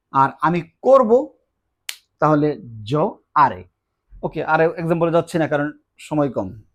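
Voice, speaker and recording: A man whose first language is Bengali, teaching an online Spanish lesson, drilling verb forms slowly and repeating each one. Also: fairly high pitch.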